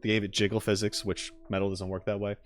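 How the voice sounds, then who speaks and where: Fast and flat, a fairly low-pitched male streamer chats with his viewers and reacts on a livestream, rambling informally and tossing in jokes. Faint music sits in the background.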